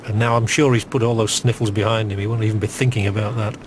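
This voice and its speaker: A man's voice: fairly low pitch, flat delivery, fast. A middle-aged man giving live golf commentary in a conversational, musing way with understated enthusiasm. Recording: noisy outdoor broadcast ambience.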